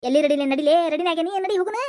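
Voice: mellow, no room sound, clean studio sound. A voice actor playing a cheeky, lazy village boy who is always hungry, speaking with a North Karnataka Kannada accent in a cartoon. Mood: excited. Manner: quick, high and squeaky, bickering. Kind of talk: cartoon voice acting.

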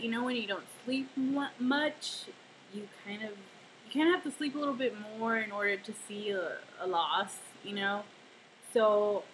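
Woman, casual home vlogger, rambling and self-deprecating, mid-pitched voice, hissy home recording. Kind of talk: casual weight-loss video diary. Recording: noisy home camera recording.

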